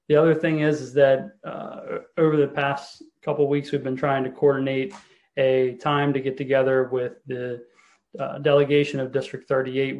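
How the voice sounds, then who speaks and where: Mayor chairing a council video call: man, flat monotone delivery, halting with fillers. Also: medium pitch, highs cut off.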